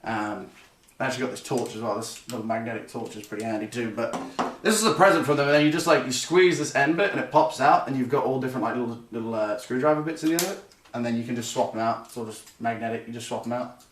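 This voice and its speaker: Fast-talking, with a mid-range voice, this young man chats casually to his stream while assembling a computer. He rambles and fixes his own words as he goes; the sound is roomy and slightly far off, with faint noise.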